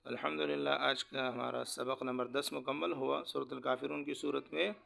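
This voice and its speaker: A man teaching Quran recitation, spelling out each syllable slowly and then chanting the verses in a slow, drawn-out style, with quick low asides between drills. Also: flat delivery, gravelly, fairly bright tone.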